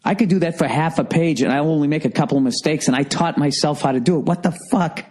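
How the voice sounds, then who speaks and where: A man's voice: fairly high pitch, fast talker, darkish tone, slightly rough. A middle-aged American man hosting a podcast alone, delivering a profane, exasperated comedy rant. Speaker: podcast host. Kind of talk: solo ranting comedy monologue.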